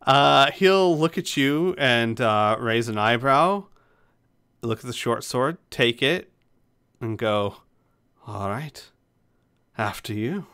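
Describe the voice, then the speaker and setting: A man's voice: mid-range voice, lively intonation, slow, bright, forceful tone, clear, resonant tone. A man acting as game master, narrating a tabletop game and chatting casually with the players.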